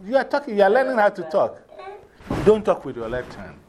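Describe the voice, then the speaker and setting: A man with a Ghanaian accent teaches an informal drumming and English class, directing people and repeating his instructions. His voice sits high with big pitch swings, he speaks briskly, and there's background noise.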